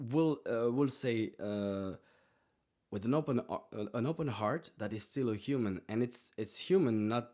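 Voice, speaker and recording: A man giving an unscripted motivational talk as a martial arts podcast host, haltingly repeating words as he searches for phrasing. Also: fairly low pitch, darkish tone.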